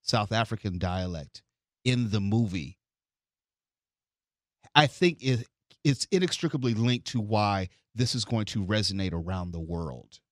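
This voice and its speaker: Low-voiced man making a point. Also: expressive, measured pace, pauses often, dry recording, studio quality. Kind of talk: casual podcast discussion.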